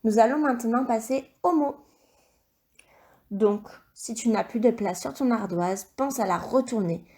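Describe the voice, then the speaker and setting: A woman teacher recording a video lesson for young children, dictating words slowly and clearly and encouraging the child. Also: on the high side, darkish tone. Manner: slow, clear dictation with stretched syllables; encouraging, addresses the child directly. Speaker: primary school teacher.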